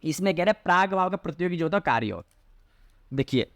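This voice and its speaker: A man teaching a lecture, asking rhetorical questions and answering them himself, and reciting classical phrases slowly. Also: sits high, animated, a bit bright, dry recording, studio quality. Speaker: Sanskrit teacher. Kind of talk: explanatory Hindi lecture on a Sanskrit logic text.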